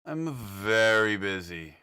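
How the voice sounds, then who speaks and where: A man doing a slow robotic Talos guard. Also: on the low side, clear, resonant tone, exaggerated voice. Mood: impatient. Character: robotic-voiced male Talos guard, busy, curt. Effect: flat robotic voice relayed through a communicator.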